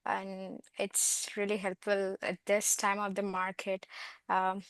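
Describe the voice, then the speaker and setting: A woman's voice: medium pitch, completely flat delivery, slow, clear, resonant tone, dry recording. A young woman from the United States, a job seeker, asking a question hesitantly over a video call. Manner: hesitant, with many "uh"s. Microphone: video call mic.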